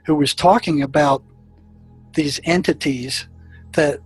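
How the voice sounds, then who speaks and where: Halting man recounting past cases. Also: on the high side, fairly even intonation, breathy edge, faint music behind, poor audio. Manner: halting, repeats words and restarts often. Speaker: former prison therapist. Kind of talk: storytelling recollection.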